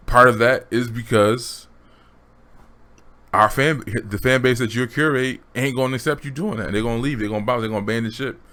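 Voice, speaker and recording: A man's voice: lowish voice, bright, forceful tone. A man giving blunt, slangy opinion commentary straight to his viewers. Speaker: commentary vlogger.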